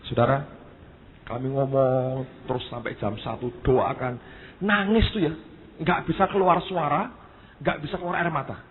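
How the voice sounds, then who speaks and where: A man's voice: medium pitch, fairly even intonation, normal speed, crowd noise. A male pastor, preaching a sermon as a story and often addressing the congregation directly. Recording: tinny phone-like sermon recording.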